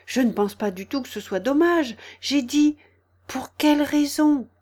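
A woman's voice: high-pitched, unhurried, a little mellow, voice pushed up. A woman voicing a bold young girl in an audiobook, speaking firmly and decidedly. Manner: firm and decided. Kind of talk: audiobook character reading.

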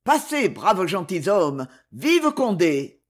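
A rowdy band of armed townsmen who chant their slogans slowly and loudly, with pitch swinging upward, as a reader performs them. Audiobook character reading. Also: big pitch swings. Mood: triumphant chanting.

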